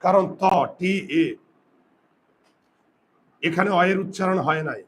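A male teacher giving a grammar lesson, asking his students questions and slowly repeating words for them. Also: high voice, steady tone, a bit bright, a little hiss or hum. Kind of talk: classroom lesson.

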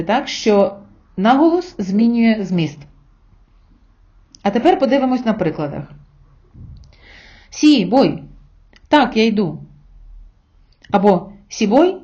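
A woman with a mellow, warm tone teaches a language lesson to her viewers. She goes patiently through sounds and example words. The sound is a little dull and lo-fi. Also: mid-range voice. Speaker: Spanish teacher.

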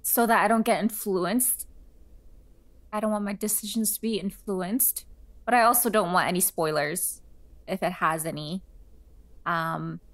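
A woman's voice: medium pitch, a little slow, pauses often. A young woman giving casual commentary as she plays a video game. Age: young adult. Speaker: gamer reacting to a playthrough. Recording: game music behind the voice.

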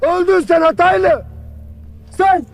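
A harsh, scolding army commander. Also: male voice, very high-pitched, slow, vocal fry, exaggerated voice. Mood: stern. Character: stern male army commander berating sleepy soldiers. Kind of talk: television drama acting.

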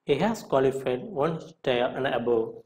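A man with a mid-range voice narrates a scripted lesson. He reads out questions and follows each with a short answer. His delivery is deliberate, in the way of an instructor. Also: medium pitch, expressive, darkish tone.

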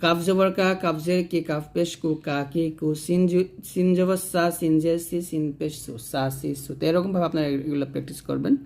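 A man teaching Quran reading, chanting letter and vowel drills in a steady rhythm. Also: on the high side, brisk, creaky, few pauses. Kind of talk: spelling-drill lesson.

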